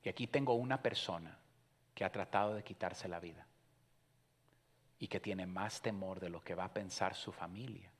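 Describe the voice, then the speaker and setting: A man preaching a sermon as pastor, moving between hushed storytelling and loud, emphatic exhortation, with English fillers dropped in. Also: low-pitched, normal speed. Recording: long hall reverb.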